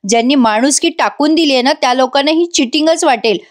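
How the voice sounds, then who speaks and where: A woman's voice: high voice, a little fast, lightly acted. A woman voicing a principled young husband who explains himself firmly. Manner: firm, reasoning. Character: calm, principled young husband defending his wife.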